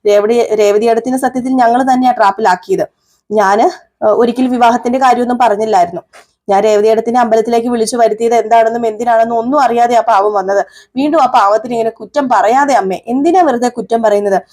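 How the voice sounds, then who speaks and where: A woman's voice: fairly high pitch, fairly even intonation, fast, darkish tone, lightly acted. A woman voicing a timid young husband who hesitates and defends others. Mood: defensive.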